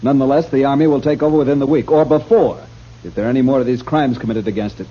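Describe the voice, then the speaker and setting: A man's voice: medium pitch, fast talker, slight background noise, natural voice. A man playing a stiff-necked army major in an old radio drama, speaking curtly and haughtily. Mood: stern. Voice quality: curt, haughty. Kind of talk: 1950s radio drama acting. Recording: muffled old radio broadcast.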